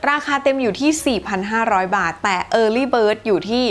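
A woman's voice: fairly high pitch, moderate pace, slight background noise. A woman hosting a casual English lesson podcast, talking in an easygoing, chatty way and dropping in example sentences. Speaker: English teacher.

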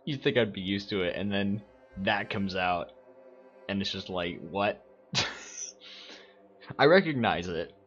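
A man's voice: sits low, expressive, slow pace, pauses often, fairly bright tone, lo-fi sound, faint music behind. A man playing a game for the first time and commenting casually, swearing and joking between lines. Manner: profane, joking, reads the game text aloud. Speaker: let's-play gamer.

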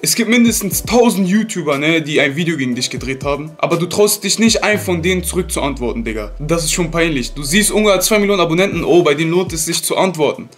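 A man's voice: on the high side, animated, fast talker, hardly any pauses. A man hosting a reaction video, lecturing heatedly in casual heavy talk. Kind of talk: casual ranting reaction commentary.

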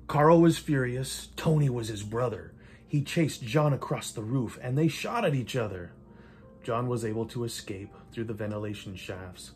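An older man reads a rhymed picture book aloud in a living room, with measured, theatrical delivery and playful emphasis. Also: mid-range voice, animated, a little mellow, faint music behind. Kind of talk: rhymed storybook read-aloud. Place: indoors in a home living room. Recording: light room noise.

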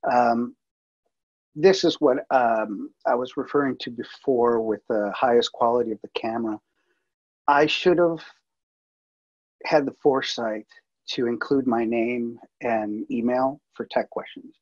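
A multimedia producer with a mid-range voice and measured pace presents a workflow over slides in a webinar, heard through lo-fi sound. He talks casually, with lots of fillers and restarts.

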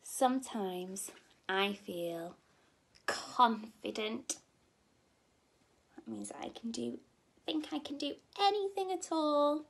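A young adult woman, a nursery teacher, reads a children's story aloud in an indoor room at home. She speaks gently and expressively to small children, very unhurried, with a slightly high voice and noticeable vocal fry.

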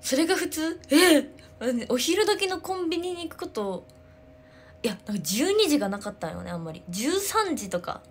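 A woman, chatting casually on a livestream, telling stories excitedly with sound words. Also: high-pitched, moderate pace. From Ehime, Japan. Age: 20s. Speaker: idol livestreamer. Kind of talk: casual livestream chat answering comments.

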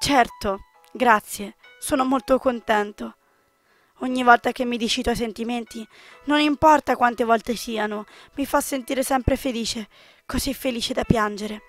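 A woman voicing a sorrowful, gentle young man in a visual novel, soft and wistful. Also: a little high, fairly even intonation, a little slow, faint music behind, lightly acted. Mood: tearful.

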